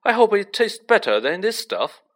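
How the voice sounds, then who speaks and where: A storybook reader voicing a young schoolboy who is blunt and excitable, with a grumbling, bantering manner. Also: mid-range voice, moderate pace, voice pushed up. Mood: wry, grumbling.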